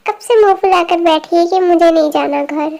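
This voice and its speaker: A woman doing a calm caring young man. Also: extremely high pitch, normal speed, vocal fry. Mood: concerned. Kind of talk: amateur Hindi fan dub.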